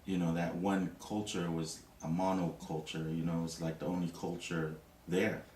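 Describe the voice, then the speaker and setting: An interviewee from Tonga talks in a low, deep, slightly mellow voice at a moderate pace with flat delivery. Casual and reflective, he often reaches for words with "you know." He's recorded from a distance in an echoey room with faint background noise.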